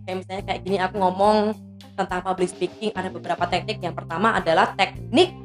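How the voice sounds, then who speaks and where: As a guest on a podcast, a woman explains speaking techniques in a relaxed, explanatory way, now and then slipping into short demonstrations. Her voice is on the low side and she talks fast, recorded on a podcast mic with soft music behind her.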